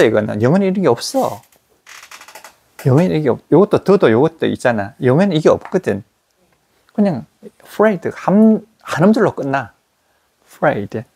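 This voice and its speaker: Male English teacher, husky and gravelly, lively pitch, drills pronunciation with slow repetition. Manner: repeats English words slowly to model pronunciation. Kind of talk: classroom grammar lecture.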